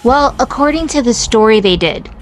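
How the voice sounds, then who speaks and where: A young woman co-hosting a casual podcast, reading a ghost tale with giggles and slow spooky emphasis. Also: fairly high pitch, expressive, faint music behind. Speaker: podcast co-host.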